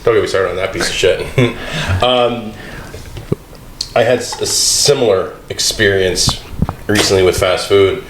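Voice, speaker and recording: A man chatting casually on a podcast, telling animated stories and acting out the voices of the people in them. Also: on the low side, unhurried. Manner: animated storyteller, acts out quoted voices. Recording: roomy studio with faint hiss.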